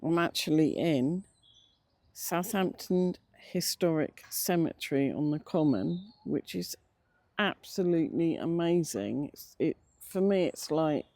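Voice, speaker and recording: An older English vlogger speaks at an unhurried pace in a soft-edged, mellow tone. The words come out a little toothless and slurred, with hesitant, reflective pauses. The delivery is casual and unscripted, recorded outdoors yet dry and free of echo. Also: mid-range voice, animated. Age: middle-aged or older. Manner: slightly slurred toothless speech, stumbles on words. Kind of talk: casual unscripted vlog narration. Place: outdoors, sitting in a cemetery beside a road.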